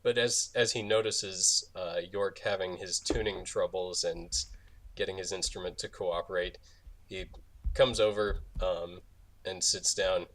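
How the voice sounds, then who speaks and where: A man with a lowish voice describing his character in a tabletop game. He speaks in a measured, deliberate manner. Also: fairly even intonation, a bit bright, rough recording. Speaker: player.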